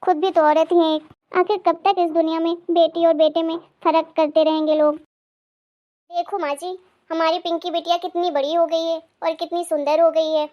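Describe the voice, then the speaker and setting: A woman voicing a patient young mother in an animated cartoon, speaking in a soothing, coaxing way. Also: very high voice, moderate pace, muffled recording. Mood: pleading.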